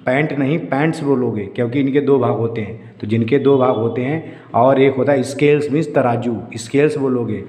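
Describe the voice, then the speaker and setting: A man's voice: mid-range voice, brisk, dark tone. Man teaching English grammar in an echoey room. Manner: repeats "okay" often, drills examples. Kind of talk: explanatory lesson. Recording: echoey room with faint ambient noise.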